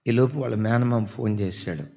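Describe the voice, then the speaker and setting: A male pastor delivering an emotional storytelling sermon with impassioned, dramatic preaching and sudden loud swells. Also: medium pitch, brisk. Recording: long hall reverb.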